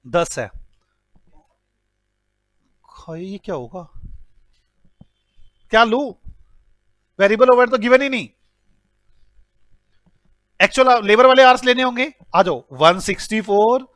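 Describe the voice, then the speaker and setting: A man's voice: sits high, a bit bright, no echo, studio quality. A man teaching a class, working through sums aloud and joking with his students as he goes. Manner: teasing, joking with students while calculating aloud; mixes English numbers into Hindi speech. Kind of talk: classroom lecture solving problems.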